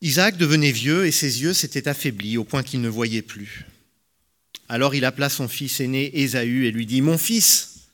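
A man narrating a Bible story in a steady, clear reading style. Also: medium pitch, normal speed.

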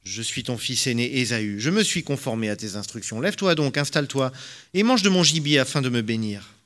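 A man's voice: medium pitch, expressive, a little fast, a bit bright, lightly acted. A man voicing an anxious younger son in a scripture reading, replying plainly and earnestly.

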